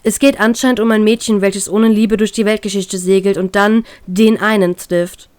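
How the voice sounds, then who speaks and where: A woman's voice: mid-range voice, steady tone, normal speed, darkish tone, clean tone. Woman narrating a story in first person. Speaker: fanfiction reader.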